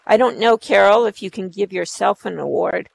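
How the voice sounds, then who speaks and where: A woman's voice: medium pitch, moderate pace, creaky, slightly rough, no echo, rough recording. A woman presenting awards live at an online event as the host, effusive in her praise.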